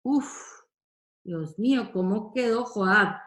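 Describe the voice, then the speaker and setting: A woman's voice: medium pitch, expressive, slow pace, fairly bright tone, reverberant. A woman leading a Bible study. She reads verses aloud, then explains them with emphatic questions. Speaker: Bible teacher.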